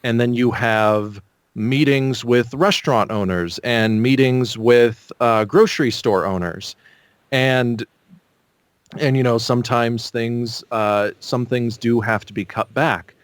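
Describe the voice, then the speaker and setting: A man giving casual, explanatory answers as an interview guest, thinking aloud with measured pauses. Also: medium pitch, clean tone, no room sound.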